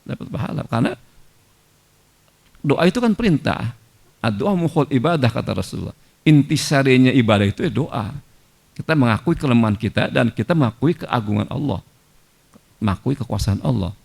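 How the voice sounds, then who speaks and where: A man's voice: medium pitch, lively intonation, brisk, gravelly, long pauses, a little mellow, breathy edge. A man giving a conversational sermon in a mosque, mixing in Arabic quotations. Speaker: preacher.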